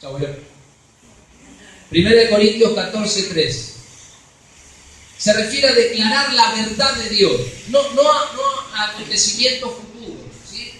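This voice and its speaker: Rioplatense preacher guy, high bright voice, echoey church hall, far from the mic. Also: lively intonation, a little slow, long pauses. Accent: Rioplatense Spanish. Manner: emphatic preaching, many rhetorical "¿sí?" checks. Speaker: pastor. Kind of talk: sermon.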